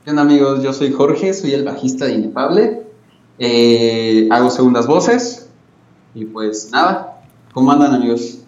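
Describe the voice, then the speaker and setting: A man's voice: medium pitch, lively intonation, a little slow, darkish tone, distant mic. A Mexican man gives a casual interview over an internet call. He sounds echoey and away from the mic in a small room, and the line is slightly dull. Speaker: guest, band bassist. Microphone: video call.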